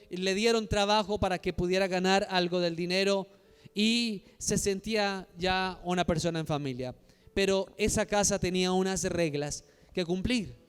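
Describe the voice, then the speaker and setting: A man's voice: sits high, clear, resonant tone, long reverb tail. A man from Colombia preaching a sermon as pastor, telling stories and building to emphatic calls to the congregation. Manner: storytelling, rising to emphatic exhortation.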